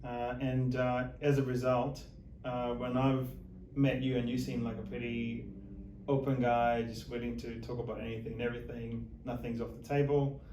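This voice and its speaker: Interview guest: a man in his thirties from Zimbabwe, hesitant and even, with a flat, mellow voice. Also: medium pitch, a little hiss or hum. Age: 30s. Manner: measured, hesitant with many uh fillers. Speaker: guest, financial planner. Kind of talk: interview chat. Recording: echoey room, mic at a distance.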